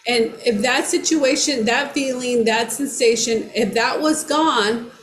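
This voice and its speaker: A woman co-teaching a brain-training class, speaking reflectively with many pauses and restarts. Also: a little high. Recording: roomy echo with faint background noise.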